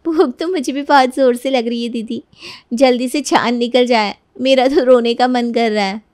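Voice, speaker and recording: Cartoon story: earnest young bride, woman voiced, high and bright, pleads innocence. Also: normal speed, dry recording, clean studio sound, close to an everyday voice. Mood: plaintive.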